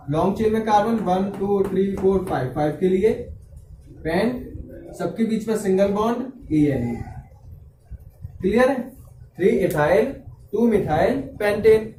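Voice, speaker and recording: A man with a high, mellow voice teaches a class lecture and keeps checking that the students follow him. He sits a little back from the microphone in an echoey room, with a faint hiss underneath. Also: far from the mic. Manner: checks understanding with frequent "clear?" and "okay". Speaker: chemistry teacher.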